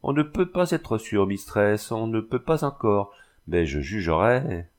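A man's voice: lowish voice, sing-song, a little slow. A man reading aloud, voicing an older woman who pronounces a grave verdict like a sibyl. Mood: solemn. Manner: grave and oracular.

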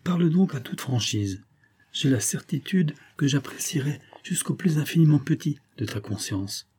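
A man narrating a nineteenth-century novel as an audiobook, in a measured storytelling manner. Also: fairly high pitch, expressive, a little mellow, husky.

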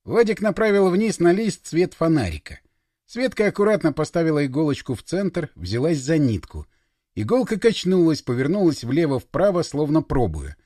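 Lively male storyteller, dry close sound. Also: a little high, moderate pace, no echo. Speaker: audiobook narrator. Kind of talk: scripted narration.

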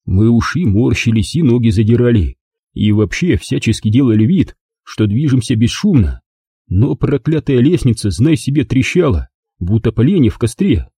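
Husky dark-voiced male audiobook narrator. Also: mid-range voice, moderate pace, no echo, studio quality. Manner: wry, lively storytelling. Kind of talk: first-person audiobook narration.

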